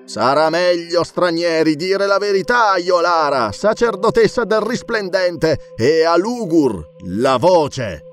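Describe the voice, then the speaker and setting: A man voicing a fierce, threatening male dwarf lord in an audiobook, speaking loudly and harshly. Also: fairly high pitch, normal speed, few pauses, faint music behind, pitched above the performer's own voice, close to an everyday voice. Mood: menacing. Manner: loud, threatening.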